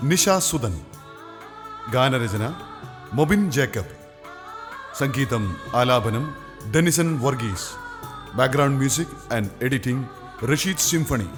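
A man with a Kerala accent narrating a Malayalam radio play and reading its credits in a solemn, measured way. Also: medium pitch. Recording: reverberant studio with music bed.

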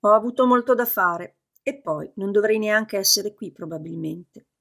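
A woman's voice: mid-range voice, moderate pace, creaky. A woman voicing a male oversoul spirit who has taken the form of a wise old man, speaking in an earnest, reassuring way in an audiobook. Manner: earnest, slightly hurt, reassuring.

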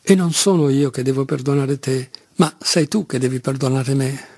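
A proud young woman pouring out fervent, breathless declarations, voiced by a male reader. The husky voice sits close and dry, with no echo. Her words come intense and urgent. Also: mid-range voice, normal speed, a little mellow, close to an everyday voice. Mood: tender.

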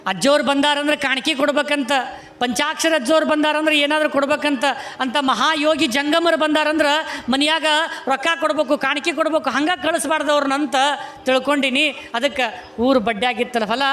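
A man's voice: very high-pitched, fairly even intonation, fairly quick, bright, forceful tone. A man playing a humble poor village husband. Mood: earnest. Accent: North Karnataka Kannada.

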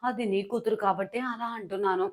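A woman's voice: medium pitch, fairly even intonation, quick pace, natural voice. A woman voicing a meddling, gossiping older aunt in a serial recap, speaking in an insinuating way. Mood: gossipy.

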